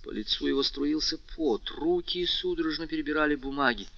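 A man narrating a classic novel aloud in steady, measured storytelling. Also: a little high, vocal fry, no echo, lo-fi sound. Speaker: audiobook reader. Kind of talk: scripted narration.

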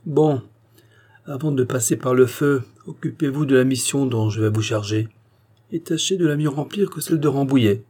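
Man reading as a gruff fatherly police chief. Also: mid-range voice, normal speed, warm tone, pitched above the performer's own voice, lightly acted. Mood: stern.

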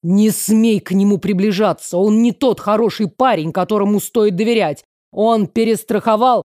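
A woman's voice: medium pitch, normal speed, mellow, no room sound, studio quality, lightly acted. A woman voicing a hot-tempered young man, the heroine's brother, who growls and snaps his words in an audiobook. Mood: angry. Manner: growling, snapping.

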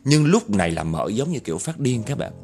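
A man's voice: medium pitch, very animated, brisk, a little mellow, husky, faint music behind. A man telling a spooky story dramatically and speaking directly to his listeners. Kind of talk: spoken horror storytelling.

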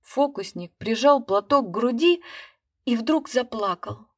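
A woman reading a story aloud in slow, measured narration. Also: on the high side, animated, no room sound, studio quality. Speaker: reader.

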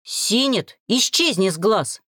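A woman reading as a gruff bearded captor. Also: a little high, big pitch swings, a little slow, fairly bright tone, no echo, clean studio sound, voice pushed up. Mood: curt. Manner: curt, commanding. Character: gruff bearded male kidnapper leader.

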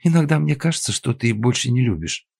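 A man voicing an upset young woman in an audiobook, reproachful and close to tears, with a husky voice. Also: medium pitch, animated, brisk, darkish tone, pitched above the performer's own voice. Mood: tearful.

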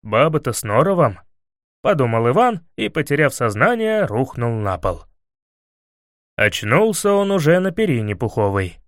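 A man narrating a fairy tale audiobook in a playful, expressive storytelling manner. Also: mid-range voice, moderate pace, dry recording, studio quality.

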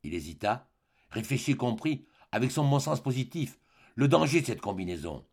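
Male audiobook narrator, expressive literary reading, gravelly timbre. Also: mid-range voice, moderate pace. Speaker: audiobook reader.

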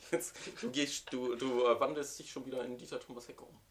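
A man co-hosting a relaxed podcast review. He tells things with dry wit and likes to needle his partner. His delivery is easygoing and conversational. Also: mid-range voice, moderate pace. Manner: dry, teasing banter. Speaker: podcast co-host. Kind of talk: casual wrestling review chat.

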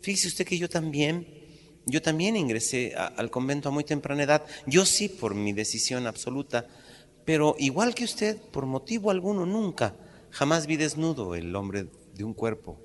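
A man's voice: fairly high pitch, very animated, normal speed, slight background noise. A man voicing a prim older nun who speaks politely in coy metaphors. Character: prim older nun, shy yet eager.

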